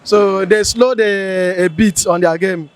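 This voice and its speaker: High-voiced fan recounting records. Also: male voice, fairly even intonation, takes it slowly, clean tone. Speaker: football fan.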